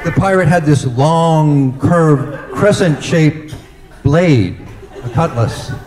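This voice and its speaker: A middle-aged man giving a humorous father of the bride speech, telling stories slowly with deliberate dramatic pauses. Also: a little high, expressive, roomy sound, a crowd in the background, poor audio.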